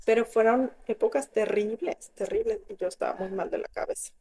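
A middle-aged woman with a Mexican accent, telling lively stories about motherhood in a casual group chat and acting out what she once said. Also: a little high, brisk, a little hiss or hum. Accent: Mexican Spanish. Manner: animated storyteller, acting out her own past lines.

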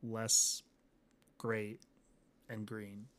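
A man's voice: lowish voice, monotone, drawn-out words, a bit bright. A young adult man co-hosting a casual gaming podcast, laid-back with dry, teasing humor. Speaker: podcast co-host.

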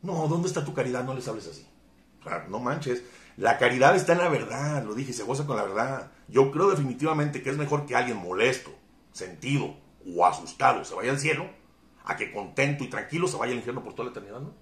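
Fervent preacher in an echoey room. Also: male voice, medium pitch, lively intonation, a little fast. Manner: fervent, emphatic preaching with dramatic swings in loudness. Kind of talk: sermon.

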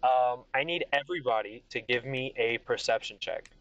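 A man narrating a tabletop game as game master in a casual, halting way. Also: medium pitch, fairly bright tone, no room sound. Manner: casual, halting, many restarts. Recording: dull lo-fi sound.

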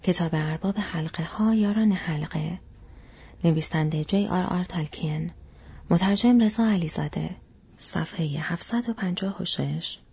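A woman reading an audiobook in a steady, hushed, whispered narration. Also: fairly low pitch, creaky, slightly rough, dull audio.

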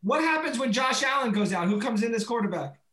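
A man co-hosting a casual sports podcast, teasing his friends with quick, animated talk. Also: very high voice, reverberant. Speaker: podcast co-host.

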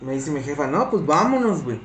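A young Mexican man with a Mexican accent, telling a story in casual chat, slangy and animated, saying güey constantly. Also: a little high, fairly quick, echoey room, over a noisy crowd.

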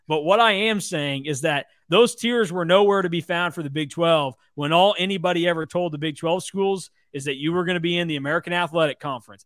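A man's voice: high voice, fairly bright tone, no room sound, studio quality. A man co-hosting a sports talk podcast, making an impassioned, argumentative case and mimicking others' reactions.

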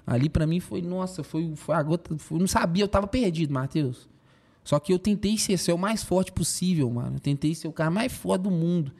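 A young man, a podcast guest telling a personal story in an emotional, animated way with lots of slang fillers. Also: a little high, a little fast, vocal fry.

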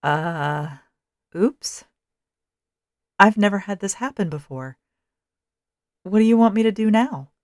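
A woman's voice: fairly low pitch, slow pace, pauses often, warm tone, no room sound, studio quality. A woman voicing a flustered female guardian angel who stammers nervously.

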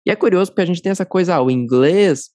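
A man's voice: sits high, animated, quick pace, a little mellow, no room sound, clean studio sound. A man from Brazil, hosting a podcast in a talkative, friendly way. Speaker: podcast host. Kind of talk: casual interview chat.

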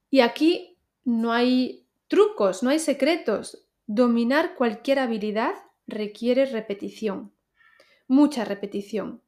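A woman with a voice on the high side, a little mellow, hosts a pronunciation podcast. She teaches learners clearly and deliberately, addressing the listener directly.

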